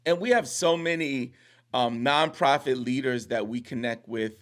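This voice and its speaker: A man's voice: mid-range voice, moderate pace, a bit bright. A man hosting a podcast interview, upbeat and enthusiastic as he asks questions. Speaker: podcast host. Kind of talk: casual interview.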